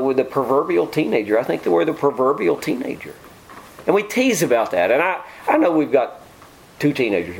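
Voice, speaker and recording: A man's voice: mid-range voice, rough recording. A middle-aged man preaching an informal sermon, joking with his congregation. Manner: folksy, joking asides to the congregation.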